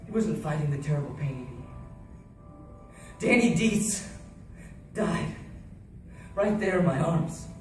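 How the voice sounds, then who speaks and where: A man performs a dramatized first-person war monologue, intensely and theatrically voicing an anguished soldier who recounts losing his comrades in battle. His darkish voice is fairly high with lively intonation, a measured pace and frequent pauses. Soft music plays in an echoey room, captured on a distant mic with faint noise.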